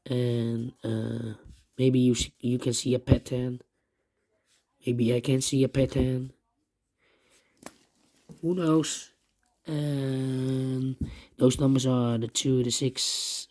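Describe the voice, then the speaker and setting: A man who has partly lost his voice, walking through a puzzle step by step in halting, repetitive short phrases. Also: medium pitch, warm tone. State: lost voice, strained and troubled. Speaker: puzzle tutorial host. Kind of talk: step-by-step puzzle walkthrough, thinking aloud.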